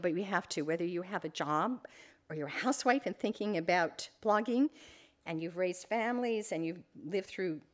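An older woman photographer giving an informal library talk, chatty, rambling and openly emotional at times. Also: medium pitch.

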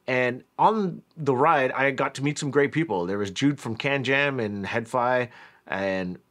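A man from Canada narrating a casual vlog about a factory trip in a relaxed, chatty way with lots of fillers. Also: medium pitch, a little slow. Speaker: vlogger, headphone reviewer.

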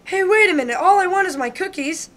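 A woman's voice: extremely high pitch, animated, fast, a bit bright. A woman voicing a male big bad wolf in a comic radio play, telling his side of the story with indignant self-pity. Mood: aggrieved. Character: male big bad wolf, aggrieved smooth-talking hustler.

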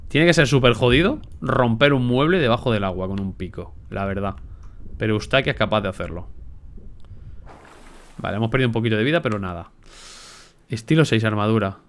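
Swearing, excitable gameplay streamer man. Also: on the low side, brisk, pauses often. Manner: excitable, swears a lot, talks to himself. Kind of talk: casual gameplay commentary.

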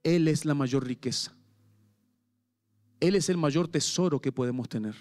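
A pastor with a Paraguayan Spanish accent preaching an impassioned sermon at a church service, swinging between quiet pleading and raised intensity. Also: male voice, fairly high pitch, unhurried.

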